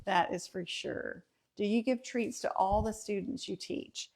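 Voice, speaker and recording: A woman's voice: mid-range voice, a little slow, creaky, darkish tone. Woman home vlogger, casual livestream host, lots of ums while reading comments. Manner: chatty, with many ums, reads comments aloud. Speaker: host of a home and kitchen channel.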